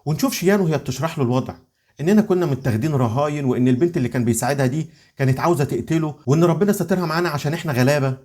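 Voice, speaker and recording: Fast-talking Egyptian man narrating a recap. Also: a little high. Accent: Egyptian Arabic. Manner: rapid lively retelling, voicing every character briefly.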